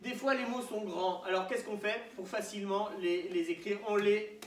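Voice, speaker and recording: A woman's voice: mid-range voice, steady tone, normal speed, slight background noise. A woman teacher leading a class of young children, asking them questions and encouraging them. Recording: echoey classroom, from far off.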